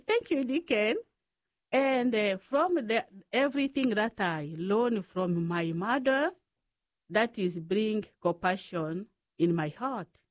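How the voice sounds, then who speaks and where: Slow-speaking Congolese-born woman. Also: medium pitch, lively intonation, no echo, clean studio sound. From Democratic Republic of the Congo. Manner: slow, careful storytelling. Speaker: guest, Franciscan sister. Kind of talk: radio interview.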